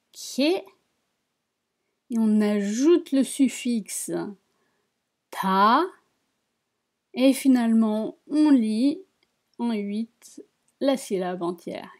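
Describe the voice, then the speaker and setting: A woman giving a patient reading lesson at an unhurried pace. Her voice sits slightly high but sounds mellow and soft-edged. She spells out each syllable and repeats the words for her students. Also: animated. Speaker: Tibetan reading teacher. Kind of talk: slow spoken language lesson.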